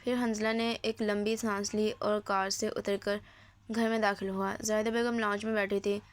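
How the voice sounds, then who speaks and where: A woman's voice: mid-range voice, little pitch movement. A woman reading a romance novel aloud as narrator, voicing every character's lines in her own voice.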